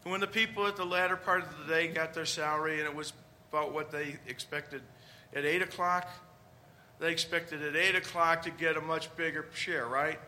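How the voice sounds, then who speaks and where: Man preaching a homily, bright voice. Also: on the high side, steady tone, normal speed, a little hiss or hum. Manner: conversational preaching with rhetorical questions.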